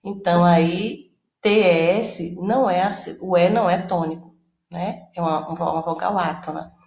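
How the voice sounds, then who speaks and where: A woman teacher whose first language is Portuguese walks through a lesson one step at a time. Her voice has a gravelly edge, and the room around her gives it a noticeable echo. She checks in with the class again and again as she explains. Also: fairly low pitch, fairly even intonation, a little slow, darkish tone, dull audio. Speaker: Spanish teacher. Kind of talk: recorded lesson.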